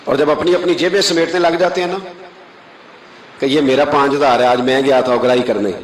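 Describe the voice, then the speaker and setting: A man's voice: mid-range voice, steady tone, reverberant, low-quality recording. A man preaching a sermon, telling moral stories with emphatic rises and acting out quoted voices.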